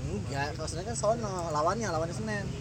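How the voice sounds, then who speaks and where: A man's voice: high-pitched, fast, very noisy. A young man with a Jakarta accent telling a slangy street story in casual chat, acting out the people he quotes. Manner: slangy, animated storytelling that acts out quoted exchanges.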